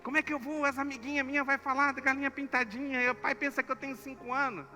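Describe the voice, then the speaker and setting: A man's voice: little pitch movement, fast, exaggerated voice. A man doing a whiny upset little girl. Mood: distressed. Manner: pleading, high-pitched and shrill. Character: upset eight-year-old girl, whiny and tearful. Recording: echoey church hall with soft music.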